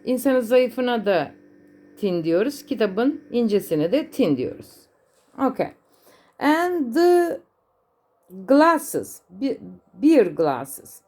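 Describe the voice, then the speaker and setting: A woman English teacher with a Turkish accent, explaining simple adjectives in Turkish and stressing slow, repeated English examples for learners. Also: on the high side, very animated, darkish tone.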